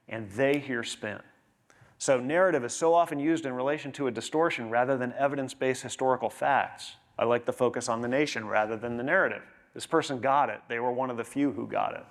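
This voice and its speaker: A man with a medium-pitched voice talks a little fast as he presents on a conference stage. He addresses fellow professionals conversationally, frequently checking in with tag questions.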